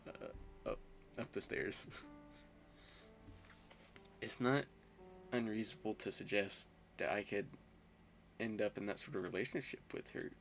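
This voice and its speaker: Young guy, lowish voice, narrating a visual novel playthrough with chatty joking asides, faint music bed. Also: unhurried, long pauses, a bit bright. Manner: chatty, self-mocking asides with laughs. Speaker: gamer. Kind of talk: playing a visual novel and reading the narration aloud.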